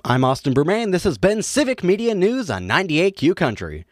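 A man's voice: high-pitched, sing-song, fairly quick, no room sound, clean studio sound. A man anchoring a radio newscast, reading from a script.

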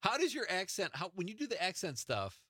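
A man's voice: sits high, wildly swooping pitch, fairly quick, sharp tone, husky, dry recording, clean studio sound. A man hosting a casual, conversational interview. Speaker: show host interviewing a guest.

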